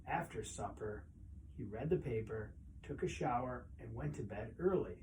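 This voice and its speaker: Male storyteller for a children's picture book read-aloud, mellow mid-pitched voice, expressive phrasing, some noise behind. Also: normal speed, rough recording.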